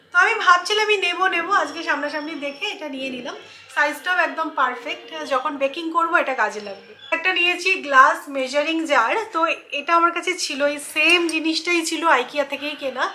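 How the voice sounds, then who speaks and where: Bright high-voiced woman vlogger. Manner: chatty, explains items to viewers. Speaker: lifestyle vlogger. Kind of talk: casual shopping haul chat. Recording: echoey room, faint noise.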